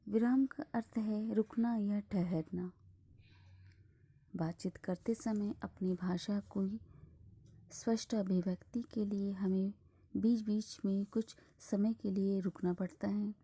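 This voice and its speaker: A woman teacher explains a grammar lesson step by step, her delivery slow and deliberate. Her voice is dark and mellow with a gravelly edge, and it often thins into a husky, breathy half-whisper. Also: medium pitch, steady tone. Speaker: school teacher.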